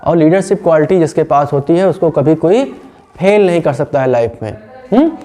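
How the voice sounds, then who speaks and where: A man teaching spoken English in Hindi with an Indian English accent, slowly repeating English phrases and glossing them in Hindi, often checking in with listeners. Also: fairly high pitch, expressive, dark tone, faint music behind. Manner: frequent checking fillers.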